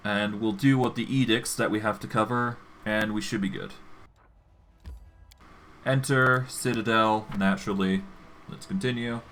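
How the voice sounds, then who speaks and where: A man's voice: lowish voice, steady tone, unhurried, pauses often, fairly bright tone, a little hiss or hum. A man streaming a game, casually narrating his own moves as he goes. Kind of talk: casual live gameplay commentary.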